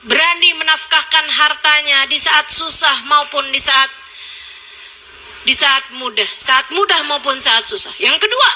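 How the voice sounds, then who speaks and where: A woman preacher giving a lively, animated sermon to a women's study group, acting out quotes and shifting tone often. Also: high-pitched. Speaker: Islamic preacher.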